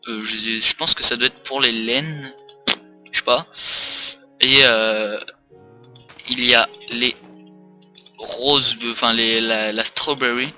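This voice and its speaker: A man's voice: medium pitch, fairly even intonation, slow pace, long pauses, pushed and bright, soft background music. A tired man rambling through casual gaming commentary with many hesitations, recorded on a desk mic for a facecam. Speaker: let's play host.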